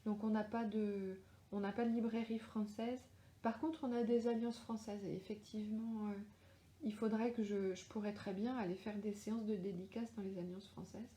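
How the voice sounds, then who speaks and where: Woman author on a home live stream, mellow tone, roomy echo, chatty and unscripted. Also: mid-range voice, steady tone, normal speed. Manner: chatty, thinking aloud, answering comments. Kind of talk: casual live-stream chat with viewers. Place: at home in Australia. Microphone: livestream webcam or phone.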